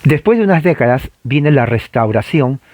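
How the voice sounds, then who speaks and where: Here a man gives a church history lecture at normal speed, his medium, slightly mellow voice rising and falling with lively intonation and no room sound. He repeats and underlines key points, has the audience repeat after him, and leans often on "eh" and "¿no?".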